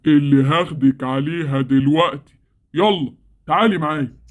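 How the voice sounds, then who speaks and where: A man's voice: fairly high pitch, a little fast, phone-quality sound, soft background music, lightly acted. An actor with an Egyptian Arabic accent playing a menacing male sleep monster who kidnaps lazy children, scolding and gloating. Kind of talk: Roblox story series acting.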